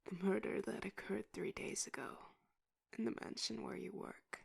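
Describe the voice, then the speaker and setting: A woman playing a stern, condescending tough-cop detective in an interrogation, in a whispered role-play with a breathy voice and slow, intimidating delivery. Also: mid-range voice, fairly even intonation, darkish tone, no echo, clean studio sound. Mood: curt, impatient.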